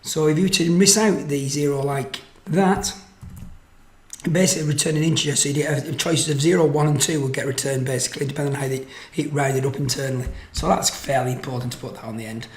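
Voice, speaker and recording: A man with a higher voice narrates electronics tutorial videos, casually explaining his code and demo. He keeps a steady tone at a quick pace. The microphone sound is roomy and echoey.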